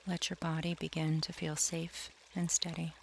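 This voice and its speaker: A man leading a scripted guided meditation, talking slowly and softly and drifting into near-whispers, with faint trickling water behind him. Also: on the high side, monotone, creaky, a little hiss or hum, rough recording. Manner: slow, soft and soothing, drifting into near-whispers.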